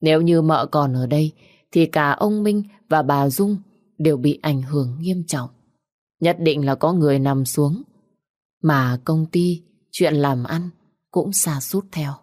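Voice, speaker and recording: A woman narrating a melancholy romance story in a steady, somber way. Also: sits low, a little slow, no room sound, clean studio sound.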